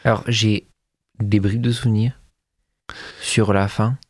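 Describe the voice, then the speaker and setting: A man's voice: on the low side, level tone, slow, dry recording, studio quality. A man co-hosting a casual film chat in an informal, slangy and enthusiastic way. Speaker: film discussion podcast co-host.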